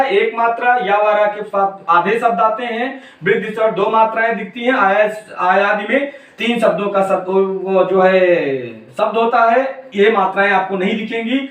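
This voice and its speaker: A man teaching an exam-prep grammar lesson with a very high-pitched voice. He drills each point over and over, addressing students fondly as "beta". The recording is roomy and echoey, with the mic set some distance away. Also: normal speed, fairly bright tone.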